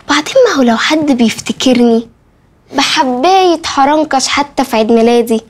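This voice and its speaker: An actress with an Egyptian accent playing a sharp-tongued, cheeky young woman in a TV drama. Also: high-pitched, a little fast, lightly acted. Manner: whiny, cheeky teasing. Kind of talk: TV drama acting.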